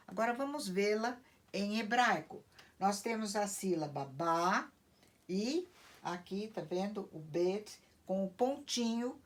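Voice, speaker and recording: A woman gives a lesson in a slow, unhurried voice. Her pitch sits in a middle range. She explains each point patiently, step by step. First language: Portuguese. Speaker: teacher. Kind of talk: slide lesson on the alphabet.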